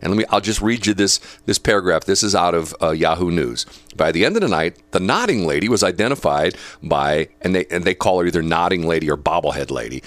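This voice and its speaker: A talk show host man with a low voice that moves animatedly up and down as he reads news items aloud. He breaks into opinionated asides and chuckles between points, recorded close and dry in a studio. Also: lively intonation, quick pace, hardly any pauses, dry recording. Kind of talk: casual talk radio commentary.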